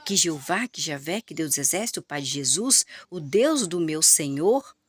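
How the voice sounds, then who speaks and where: A woman's voice: low voice, lively intonation, moderate pace, husky. A Brazilian woman reading aloud as a devout, loyal male guard captain who keeps repeating titles and blessings. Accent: Brazilian Portuguese.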